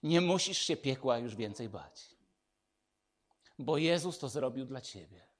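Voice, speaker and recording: A man preaching a sermon, swinging between loud declarations and hushed, intimate lines. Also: mid-range voice, expressive, a little slow.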